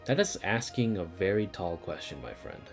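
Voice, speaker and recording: This man's low voice is expressive and unhurried as he livestreams gameplay, rambling through his thoughts with occasional swearing while game music plays.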